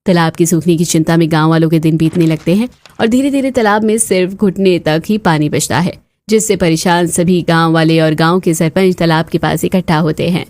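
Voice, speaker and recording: A woman narrating a cartoon story in a steady scripted telling. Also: lowish voice, fairly quick.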